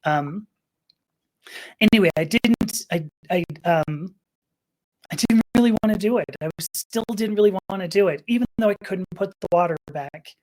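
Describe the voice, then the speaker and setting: A middle-aged woman from Los Angeles tells a personal story as a podcast guest. She rambles and restarts, and her voice turns emotional. Her voice sits at an ordinary middle pitch. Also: normal speed, dark tone. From Los Angeles, USA.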